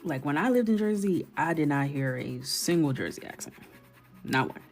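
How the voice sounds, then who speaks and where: A young woman from New York chats playfully on a livestream while she colors, now and then dropping into whispers. Her deep voice is expressive and moves at a normal speed, with faint music behind her.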